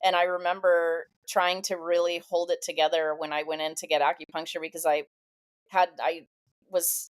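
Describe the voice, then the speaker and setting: A woman guest with a slightly low, even voice shares her life story on a podcast. She speaks candidly and reflectively, pausing and reaching for words with frequent fillers as she goes. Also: smooth. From Southern California. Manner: thoughtful, candid, halting with many fillers.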